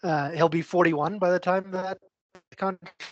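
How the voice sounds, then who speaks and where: A man hosting a casual sports discussion over a video call, talking haltingly and searching for words, his audio choppy and cutting out from a weak internet connection. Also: high voice, fairly even intonation, highs cut off, a little hiss or hum.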